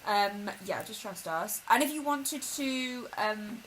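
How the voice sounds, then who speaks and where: A woman's voice: medium pitch, expressive, takes it slowly, a bit bright, rough recording. A young woman co-hosting a chaotic podcast, chatty and swearing, often laughing. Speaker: podcast co-host. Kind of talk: casual chat. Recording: faint background noise.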